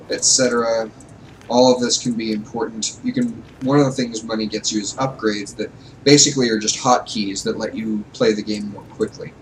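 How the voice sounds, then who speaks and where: A lowish-voiced man hosts a laid-back let's play at home with his wife, conversationally explaining the game with fillers. A distant mic captures him with faint noise.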